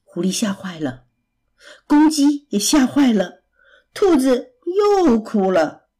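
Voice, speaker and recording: Lively woman reading a children's story. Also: a little high, slow pace, breathy edge. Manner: lively, expressive.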